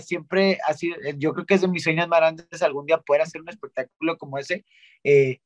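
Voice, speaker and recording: Young guy from monterrey, kinda high voice, slangy rambling stories, lots of restarts. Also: no echo. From Monterrey, Mexico. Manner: slangy, animated storytelling with many restarts. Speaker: guest singer-songwriter. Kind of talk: casual interview chat.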